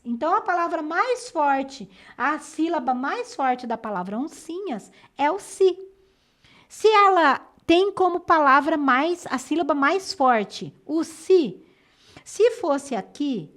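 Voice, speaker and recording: A woman with a Brazilian Portuguese accent teaches a lesson that walks students through exam answers. Her voice sits fairly high, and she explains in a clear, patient way. She is recorded close to the microphone. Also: very animated, a bit bright. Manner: clear, patient explaining, slows down to stress syllables.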